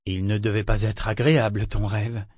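Storybook: a gruff, worn-out sea captain, curt and ironic, played by the narrator, dry close sound. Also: male voice, fairly low pitch, little pitch movement, normal speed, darkish tone, dry recording. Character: gruff weary male ship captain, dry irony.

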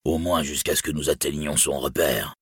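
A man's voice: rumbling low, fairly even intonation, normal speed, husky, no echo, studio quality, full character voice. A man doing a harsh, menacing outlaw. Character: wounded, bloodthirsty male outlaw, hostile and mocking.

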